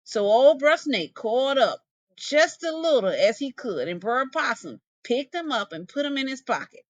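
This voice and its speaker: A woman who is a storyteller and English teacher narrates a folktale expressively, using folksy dialect phrasing and a dramatic delivery. Her voice is high-pitched and very animated at a moderate pace, in a dry recording.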